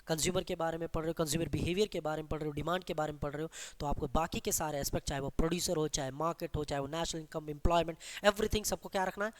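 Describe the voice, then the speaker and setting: Teacher quizzing the class rhetorically. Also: medium pitch. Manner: asks the class questions and answers them itself; mixes English terms into Hindi explanation. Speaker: economics teacher. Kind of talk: exam-prep classroom lecture.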